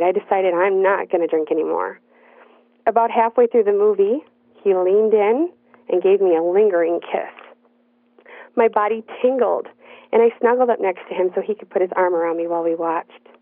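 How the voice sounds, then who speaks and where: A woman telling a personal story in the first person, in an earnest, measured narrating voice. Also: medium pitch, dry recording. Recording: dry, tinny phone-like sound.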